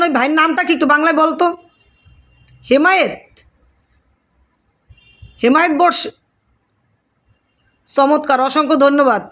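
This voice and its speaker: A woman hosting a live stream speaks with a bright, high voice. She reads out viewers' comments as they come in. She calls each viewer by name and keeps thanking them. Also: muffled recording.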